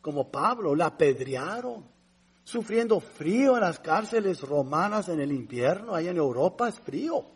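Husky high-voiced man preaching a sermon. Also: very animated, moderate pace. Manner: conversational preaching, addresses listeners as brothers; asks rhetorical questions to the congregation. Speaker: pastor.

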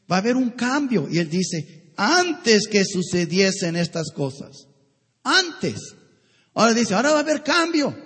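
A man's voice: high-pitched, breathy edge. A pastor preaching a sermon, emphatic and full of rhetorical questions to his congregation, now and then dropping in an English word. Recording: long hall reverb.

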